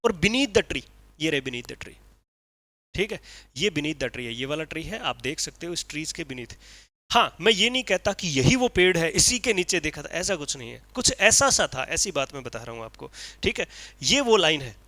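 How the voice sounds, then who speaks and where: A male teacher giving an energetic exam-prep literature lecture, explaining point by point and checking in often with his class. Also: on the high side, moderate pace, no echo. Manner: energetic, explaining, frequent "ठीक है".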